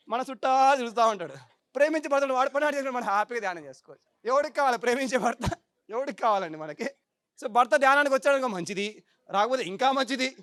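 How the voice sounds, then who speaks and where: A man's voice: very high voice, clear, resonant tone, dry recording, clean studio sound. A man giving a motivational meditation talk, who keeps asking the audience for agreement and mocks everyday complaints. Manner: lively, repetitive, mocking tone. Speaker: meditation speaker.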